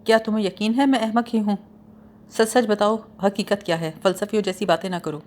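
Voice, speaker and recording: A woman voicing a clever young male detective who plays the fool, questioning calmly with a teasing edge. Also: medium pitch, lightly acted. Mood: probing.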